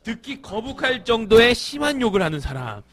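A man's voice: extremely high pitch, sing-song, a little fast, over loud music. A young man hosting a casual fan podcast, leading the segments like an emcee and laughing often. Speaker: podcast host.

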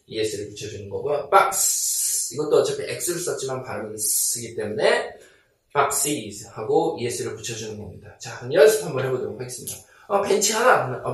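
A man teaching a beginner English lesson, patiently drilling words and repeating them slowly. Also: mid-range voice, a bit bright. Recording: echoey room, distant mic.

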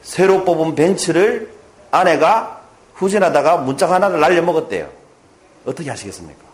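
A man giving a motivational lecture to a live audience, telling stories and asking the listeners questions in an animated way. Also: a little high, normal speed.

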